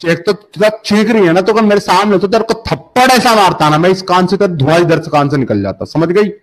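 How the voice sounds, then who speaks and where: A man's voice: sits high, lively intonation. A man hosting a heated online debate stream, badgering and insulting his opponent.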